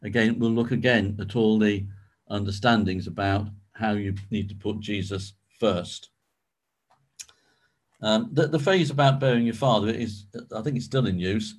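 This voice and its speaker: A man's voice: fairly low pitch, moderate pace. A man leading a Bible study, explaining in a conversational way with frequent ums and restarts. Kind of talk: informal teaching talk.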